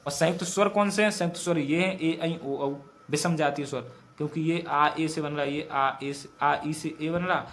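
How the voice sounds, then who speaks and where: High-voiced young teacher drilling mnemonics. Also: male voice, steady tone, moderate pace, fairly bright tone. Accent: western Uttar Pradesh Hindi. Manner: repetitive, drilling mnemonics aloud. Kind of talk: exam-prep grammar lesson.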